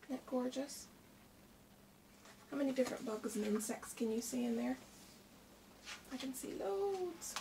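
In the manner of a primary teacher, a middle-aged woman reads a picture book to children with expression and questions directed at them. Her voice is high-pitched and her pace measured, with frequent pauses. A camera placed a little way off in a small shelved room records her, along with faint background noise.

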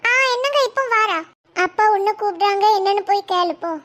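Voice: fairly quick, sharp tone. Someone voicing a caring cartoon mom. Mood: motherly. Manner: soothing, motherly scolding. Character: caring cartoon mother, gentle and busy. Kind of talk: animated cartoon dialogue. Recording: pitch-modulated with audio tools.

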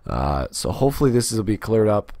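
A man with a cold and sore throat, hosting a casual software tutorial with many fillers. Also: lowish voice, sing-song, brisk, dry recording. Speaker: tech tutorial host.

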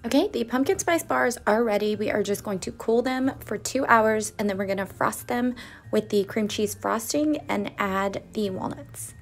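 In her home kitchen, a baking channel host talks through every step of her recipe in a relaxed, chatty voice-over. Her voice sits fairly high and has a gravelly texture, and she keeps a moderate pace.

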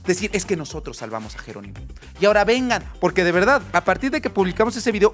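Animated Mexican man, sarcastic doctor. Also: sits high. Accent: Mexican Spanish. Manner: animated, sarcastic, reads viewer comments aloud. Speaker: doctor reacting to clips. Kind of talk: reaction commentary.

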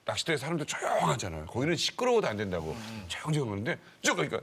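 A man animatedly telling a comic story on a TV talk show, shouting out the quoted lines. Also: medium pitch, wildly swooping pitch, rapid-fire, slightly rough.

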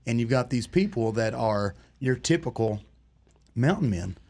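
Man, band guest, relaxed storyteller, mid pitch. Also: moderate pace. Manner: easygoing storyteller, laughs along. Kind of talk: casual chat.

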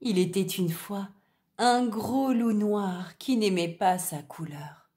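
A woman reading a children's story aloud in a gentle, deliberate way. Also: medium pitch.

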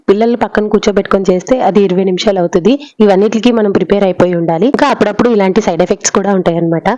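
A mother narrating her family vlog in a rapid, chatty voice-over. Her voice is dark and mellow, recorded close and dry. She talks straight to her viewers, slipping English words in as she goes. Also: mid-range voice, no echo, low-quality recording. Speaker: parenting vlogger and mother.

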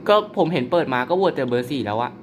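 This channel host from Thailand fires off rapid commentary on his mobile game in a lively, mid-range voice, with a little hiss or hum in the recording. He jokes around playfully, tosses out mock-polite apologies, and exclaims and laughs a lot.

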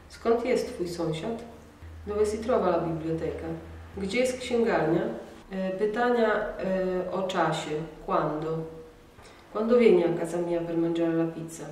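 A woman teaching a language lesson, reading example sentences in a measured, clear way and then translating each one. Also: lowish voice, darkish tone, a little hiss or hum. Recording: echoey room, mic at a distance.

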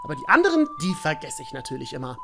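Talking rapid-fire over music, a let's player narrates her own game and swears mildly at enemies while greeting viewers as "ihr Lieben." Her deep voice swings hugely in pitch and carries vocal fry.

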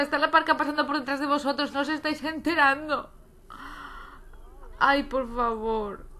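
A woman's voice: fairly high pitch, sharp tone. Chatty woman commenting a game. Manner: chatty, exclaiming and scolding the game. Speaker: gaming YouTuber.

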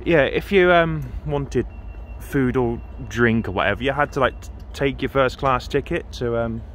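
A man's voice: medium pitch, moderate pace, fairly bright tone, slight background noise. A man filming a casual vlog on his phone outdoors on a station platform, chatty and rambling, repeating himself with fillers. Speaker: train vlogger. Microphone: handheld phone camera.

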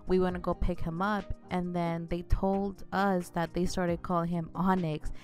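A woman in her mid-twenties with a somewhat low voice, co-hosting a relaxed couple's Q&A. She reads the questions aloud and answers with an easy, giggly manner. A close studio mic, with faint music behind. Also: measured pace. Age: 20s. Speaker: co-host of a couple's channel. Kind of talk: casual Q&A chat. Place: small home studio room. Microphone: studio microphone on a stand, close.

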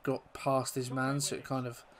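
Talking at a moderate pace in a mid-range voice, this man is a gaming YouTuber commenting live on his own football video game. His chatter is self-deprecating, and goals set off sudden bursts of excitement.

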